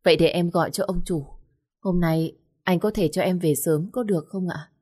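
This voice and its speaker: A woman's voice: fairly low pitch, normal speed, darkish tone, breathy edge. A woman voicing a worried young waitress who speaks politely and urgently. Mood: pleading.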